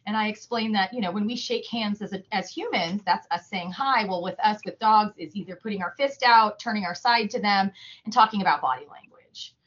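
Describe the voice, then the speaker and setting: A woman's voice: medium pitch, a little fast, fairly bright tone, highs cut off. A woman who works as a humane educator, talking casually in an interview, chatty with lots of fillers and restarts. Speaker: humane educator at an animal shelter.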